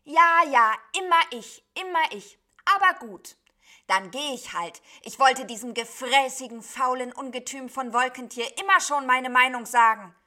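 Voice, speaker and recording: A woman voicing a loud, cheeky, grumbling sheep who scolds and shouts. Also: sits high, moderate pace, pitched above the performer's own voice.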